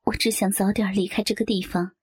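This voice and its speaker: A woman reading a first-person story aloud in a soft, half-whispered delivery. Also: mid-range voice, steady tone, a little fast, breathy edge, no room sound.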